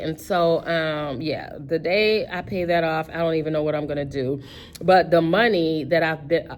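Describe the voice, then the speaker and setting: Woman, 50s, low voice, casual rambling vlogger, faint background noise. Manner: rambling, self-correcting, many fillers. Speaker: personal finance vlogger. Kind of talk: casual budgeting chat.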